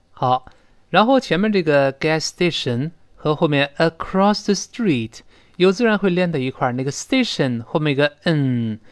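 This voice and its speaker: A man leads an English pronunciation lesson, breaking sounds apart and repeating words slowly for learners. His voice sits a little high and moves with lively swings. The sound is dry and close, with no room echo. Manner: explains sounds slowly, drilling words aloud. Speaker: English teacher.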